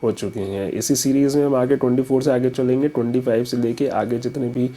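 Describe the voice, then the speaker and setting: Husky-voiced man teaching with stories. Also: mid-range voice, steady tone, fairly quick, mellow, poor audio. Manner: story-driven, casual, mixes in English terms. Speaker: educator. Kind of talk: explaining a memory trick.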